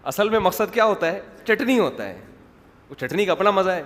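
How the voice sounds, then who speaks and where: A man's voice: high-pitched, lively intonation, a bit bright. A man preaching in a humorous religious lecture, wandering off the topic and acting out quotes. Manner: digressive, joking, acts out quotes. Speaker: Islamic preacher. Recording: reverberant hall, faint background noise.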